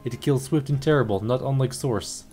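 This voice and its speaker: A man voicing a grieving middle-aged widow who speaks halting, broken English with odd idioms, over faint game music. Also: mid-range voice, warm tone, natural voice. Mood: earnest.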